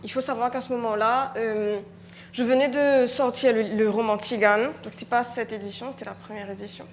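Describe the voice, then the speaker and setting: A Mauritian writer on a live conference panel speaks reflectively in a Mauritian French accent, often pausing and repeating words as she searches for them. Her voice is on the high side with a steady tone, and there is slight background noise.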